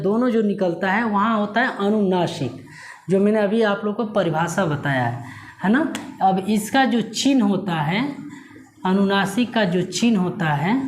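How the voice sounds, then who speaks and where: Echoey male teacher explaining step by step. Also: high voice. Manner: asks questions and answers them himself; repeats key words slowly for emphasis. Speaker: Hindi grammar teacher. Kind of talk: classroom lesson for students. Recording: echoey room with faint noise.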